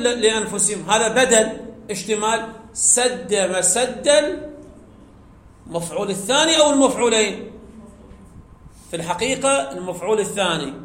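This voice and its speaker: A man teaching a grammar lesson, speaking slowly and deliberately, repeating key words and chanting the verses he quotes. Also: sits high, fairly bright tone. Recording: echoey room with faint background hum.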